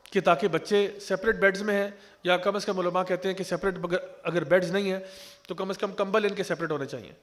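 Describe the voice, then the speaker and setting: A man giving an earnest religious talk on parenting, explaining point by point and mixing in English terms. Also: high-pitched. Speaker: Islamic speaker.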